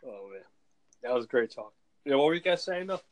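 A man's voice: mid-range voice, big pitch swings, fairly quick, a little hiss or hum. A man chatting casually, hesitant and rambling, often restarting his sentences. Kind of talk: casual chat.

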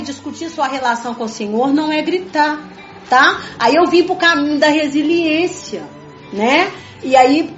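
The recording is muffled and dull, set in a reverberant room with gentle music playing, as a high-voiced woman speaks fervently about her beliefs. She keeps circling back to the same points and repeatedly addresses listeners as "gente" in a conversational religious talk.

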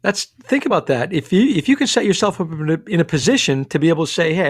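Man, financial advisor, rapid, slightly high voice, dry studio sound. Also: dry recording. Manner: quick, energetic, many restarts and fillers. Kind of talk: radio show discussion.

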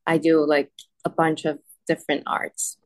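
A native Persian speaker from Iran, this woman is an artist guest answering interview questions. Her voice is low-pitched and flat at a normal speed, and she sounds hesitant, laughs often and fills her speech with "um" and "like".

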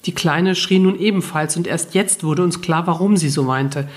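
A woman narrating a first-person novel as an audiobook, telling it in a calm, even way. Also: lowish voice, normal speed.

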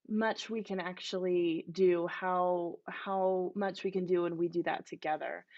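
Unhurried woman facilitating a group. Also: mid-range voice, darkish tone, lo-fi sound.

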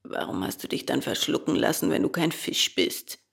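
A woman voicing a calm, resigned old male dolphin with a hoarse voice. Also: deep voice, pitched below the performer's own voice, exaggerated voice. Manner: calm, unhurried.

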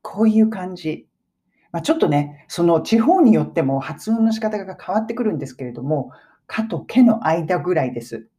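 A woman in her forties gives a casual spoken language lesson from home. Her voice is mellow and fairly low, and it swings up and down a lot. She talks in a chatty way and now and then drops into soft asides. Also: big pitch swings, a little fast. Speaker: English teaching YouTuber.

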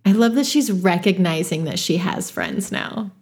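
A woman podcast co-host in casual chat, gushing warmly about a book. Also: on the low side, wildly swooping pitch, moderate pace.

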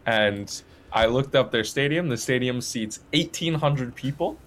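A man's voice: medium pitch, unhurried, fairly bright tone, slight background noise. A man co-hosting a casual sports podcast, eager and chatty, repeating and restarting phrases and laughing often. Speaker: podcast co-host. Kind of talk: casual chat. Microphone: video call.

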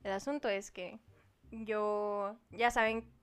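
A young woman with a Mexican Spanish accent, co-hosting a podcast and telling an animated, slangy story that acts out the dialogue. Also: mid-range voice, takes it slowly, clear, resonant tone. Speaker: podcast co-host. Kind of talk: casual chat, storytelling.

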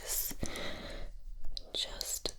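A woman in a whispered role-play as a spa hair therapist, speaking in a soft, breathy, soothing whisper. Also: extremely slow. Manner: gentle, soothing spa-attendant delivery.

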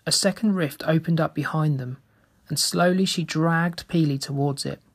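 A man narrating a first-person story in a steady, measured reading. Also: on the high side.

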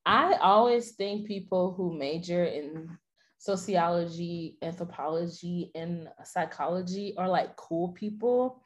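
A young woman with a slightly low voice hosts a relaxed podcast chat. She is informal and talkative, tossing out questions and reacting with animated surprise. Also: a little slow. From Haitian. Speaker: podcast host. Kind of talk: casual chat.

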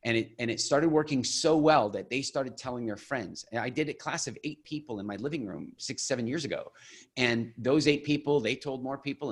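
A middle-pitched man in his forties talks as an interview guest. He tells his story in a loose, conversational way, restarting sentences and acting out what others said. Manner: animated storyteller, acts out quoted voices, many restarts. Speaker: guest, business founder.

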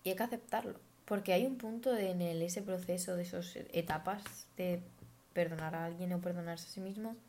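A woman's voice: lowish voice, dark tone. Woman from talking through her feelings on a podcast, earnest and thoughtful, giving advice. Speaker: podcast host. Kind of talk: reflective personal monologue.

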